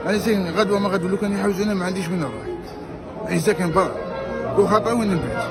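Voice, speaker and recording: A man's voice: sits high, rapid-fire. A young man with an Algerian Arabic accent, crying angrily in anguish as he pleads and repeats himself in a street interview. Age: young adult. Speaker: interviewee, orphan without housing. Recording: loud crowd and music, outdoor street.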